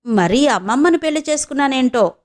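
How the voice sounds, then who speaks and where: A woman's voice: sits high, expressive, brisk. A woman voicing a middle-aged husband who lectures confidently and jokes with his wife. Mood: playful. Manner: lecturing, joking. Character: middle-aged husband, know-it-all and playful.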